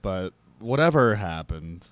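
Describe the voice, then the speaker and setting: A man's voice: low voice, very animated, takes it slowly, dry recording. A man co-hosting a podcast in casual chat, chiming in with wry joking asides. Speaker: podcast co-host.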